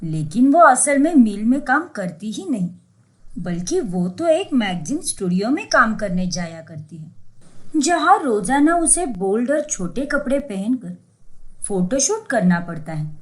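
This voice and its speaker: A woman telling a scripted cartoon story. She reads slowly, her voice pitched a little high. Her pitch moves lively and animated through every sentence.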